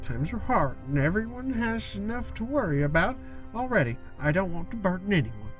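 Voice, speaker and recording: A man's voice: high-pitched, sing-song, normal speed, fairly bright tone, soft background music, pitched above the performer's own voice. A man voicing a kindly but stubborn old grandmother in a raised, thin voice. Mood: earnest.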